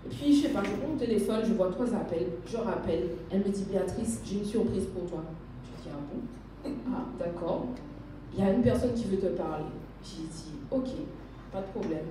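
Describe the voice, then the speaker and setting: A woman's voice: mid-range voice, moderate pace, background noise. A woman telling her faith testimony as a church member, hesitant and searching for words, often restarting, sometimes laughing. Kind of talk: spontaneous spoken testimony. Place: church hall. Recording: echoey room, mic at a distance.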